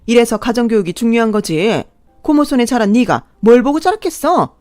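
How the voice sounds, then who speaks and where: A hot-tempered middle-aged mother-in-law, as a woman puts her on in a radio drama, snapping loud and sharp at everyone. Her voice pushes a little above the narrator's usual pitch. It is recorded dry, with faint music behind. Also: animated, fairly quick, no room sound, natural voice. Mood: furious.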